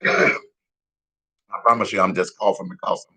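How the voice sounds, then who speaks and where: A man giving casual, profane news commentary in a heated, repetitive rant, a little hoarse. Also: deep voice, fairly even intonation, moderate pace, bright, forceful tone, rough recording. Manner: profane, heated, repetitive, laughs at own jokes. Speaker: vlogger giving street-style news commentary.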